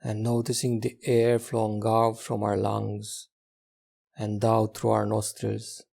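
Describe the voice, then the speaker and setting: A man leading a guided meditation in a gentle, unhurried manner, leaving long pauses between instructions. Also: fairly low pitch, completely flat delivery, vocal fry.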